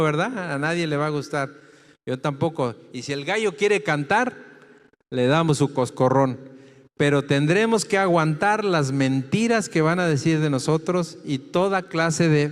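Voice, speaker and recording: A man preaching a sermon, slow and emphatic, putting questions to the congregation. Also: fairly high pitch, long reverb tail. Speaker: pastor. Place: church hall.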